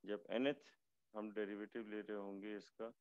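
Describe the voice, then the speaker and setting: A male lecturer with a hoarse voice, teaching a math class online slowly and haltingly, with many fillers. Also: lowish voice, level tone, a little mellow, no room sound, highs cut off. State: hoarse, fasting.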